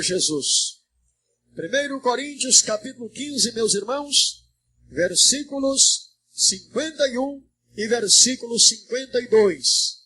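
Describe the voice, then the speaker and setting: A Brazilian man preaching a Pentecostal sermon in church, calling on the congregation to answer, and rising into a rhythmic, sing-song shout. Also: high voice, husky. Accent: Brazilian Portuguese. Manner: calls to the congregation to respond. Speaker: pastor. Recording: 1992 church recording.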